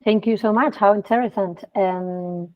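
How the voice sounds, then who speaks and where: A woman's voice: medium pitch, fairly even intonation, moderate pace. Woman, meeting moderator, muffled audio, sits back from the mic, encouraging.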